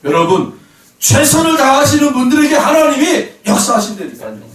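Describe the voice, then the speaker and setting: A man's voice: very high voice, huge pitch swings, a little fast. Male pastor preaching emphatically to his congregation, miked from a distance in a reverberant sanctuary. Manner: emphatic, keeps calling out to the congregation. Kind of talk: sermon. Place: church sanctuary. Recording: roomy hall, voice from a distance.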